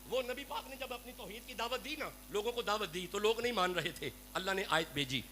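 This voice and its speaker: A bright, high voice with a forceful tone belongs to a Pakistani Sufi preacher with a Punjabi accent. Before a gathering, he preaches a devotional sermon with fervent pleading aimed directly at his audience, captured in a noisy live recording with hum.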